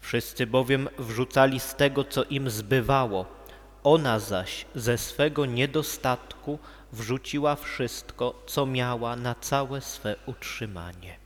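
A man reading a gospel passage aloud at a church service, steady and deliberate. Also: medium pitch. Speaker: gospel reader. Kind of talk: liturgical reading. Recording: long church reverb.

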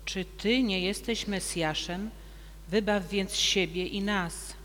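A man reading the crowd at the cross, high voice. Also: steady tone, a bit bright. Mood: scoffing. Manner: slow, measured reading. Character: onlookers at the cross: scoffing rulers, soldiers, thieves, centurion. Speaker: reader of the Passion. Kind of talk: liturgical reading. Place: church. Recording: long church reverb, faint hum.

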